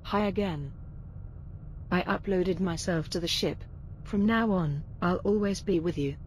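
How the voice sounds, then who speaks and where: Woman as mellow uploaded-mind ship AI. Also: fairly low pitch, a little hiss or hum, natural voice. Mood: calm, guiding. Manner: measured, instructive uploaded-mind AI delivery. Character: calm female ship AI guide, an uploaded mind. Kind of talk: scripted game tutorial dialogue.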